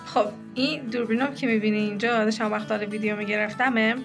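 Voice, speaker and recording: A woman's voice: fairly high pitch, steady tone. A woman vlogger chatting playfully to her viewers while cooking at home, often giggling. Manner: playful, giggly, talks to camera audience. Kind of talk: casual vlog chat to viewers. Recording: roomy, distant mic, background music.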